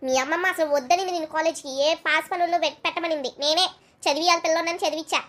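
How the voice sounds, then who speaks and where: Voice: very high voice, steady tone, racing, pushed and bright, pitched below the performer's own voice. A voice actor playing a stern middle-aged father scolding his son. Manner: scolding, threatening.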